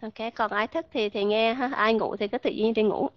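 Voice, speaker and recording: A woman teaching English pronunciation to an online class, modeling sounds slowly and asking her learners questions. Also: fairly high pitch, steady tone, dry recording, highs cut off.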